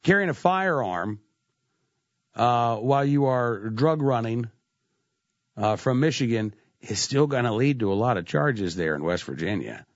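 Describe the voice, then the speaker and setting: Speaking unhurriedly in a mid-range voice with lively intonation, a man hosts a talk radio show despite a stuffy cold, talking conversationally with frequent "uh"s. The studio microphone in the radio studio gives a dry, lo-fi recording.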